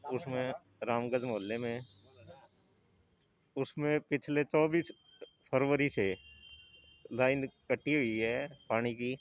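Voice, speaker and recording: Resonant-voiced resident, dull dry audio. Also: male voice, mid-range voice, fairly even intonation, slow pace, long pauses, no room sound. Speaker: local resident. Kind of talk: street interview.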